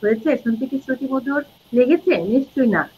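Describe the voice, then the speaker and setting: A woman's voice: high-pitched, quick pace, warm tone, a little hiss or hum. A middle-aged woman, a Bangla teacher and reciter, explaining pronunciation rules in a live interview and demonstrating words and short sung lines. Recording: dull lo-fi audio.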